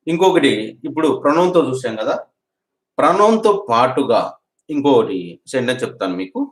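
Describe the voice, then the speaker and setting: A man with a Telugu accent teaching an English grammar lesson. He drills example sentences, repeats each one and urges his students to practise quickly. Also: mid-range voice, sing-song, echoey room.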